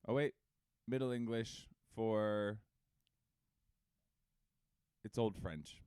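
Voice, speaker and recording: A man co-hosting a casual comedy podcast, joking in a rambling, halting way. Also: on the low side, darkish tone, clear, resonant tone, no echo, studio quality. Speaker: podcast co-host.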